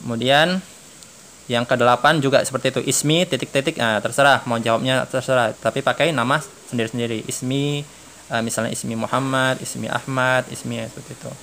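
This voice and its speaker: A man with an Indonesian accent teaching an online lesson, reading dialogue lines slowly and explaining them in a relaxed, chatty way with many fillers. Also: mid-range voice, slight background noise. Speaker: Arabic teacher.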